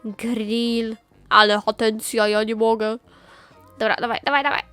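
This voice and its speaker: A woman giving excited gameplay commentary, chatting to herself with quick exclamations and repeated phrases. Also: fairly high pitch, clear, resonant tone, faint music behind. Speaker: gaming channel host.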